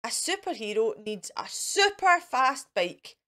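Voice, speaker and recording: A woman's voice: on the high side, very animated, a little slow, pushed and bright, heavily acted. A woman voicing an eager, boastful male wolf who plays superhero in a children's storybook, earnest and a little theatrical. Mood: proud.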